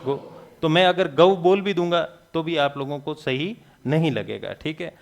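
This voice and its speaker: A male teacher lectures a class. He keeps throwing quick questions at the students and answers them himself, with jokes along the way. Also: on the high side, gravelly. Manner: jokey, laughs at his own remarks.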